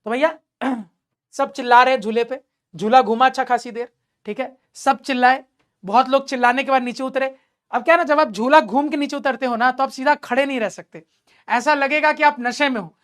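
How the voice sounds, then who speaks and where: A male math teacher telling a story during a lesson, lively and teasing, laughing often. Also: extremely high pitch, normal speed.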